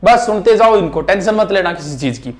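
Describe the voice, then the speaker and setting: A man teaching a history revision lesson at a board, reciting names and facts in quick lists. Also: sits high, lively intonation. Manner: rapid, list-like recitation. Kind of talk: fast exam revision lecture at a board. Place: classroom with board.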